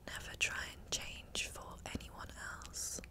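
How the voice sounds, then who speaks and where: A woman giving an ASMR pep talk of affirmations in a breathy whisper close to the microphone, soothing and encouraging, with pauses.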